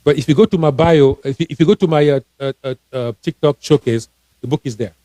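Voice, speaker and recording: Talking fast in a slightly high, warm voice with no echo, the man from Cameroon shares casual live-stream advice as a financial coach and author. His manner is earnest and encouraging, and he keeps restarting his words.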